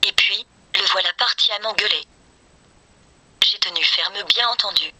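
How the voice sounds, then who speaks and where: This is a woman's text-to-speech voice with a very bright, sharp edge and a raspy, breathy grain. It sits at a middle pitch. The novel is read in a scripted, mechanical manner with choppy phrasing. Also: normal speed, no room sound. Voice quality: synthetic, machine-generated. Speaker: synthetic text-to-speech reader. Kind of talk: scripted audiobook-style reading of a novel.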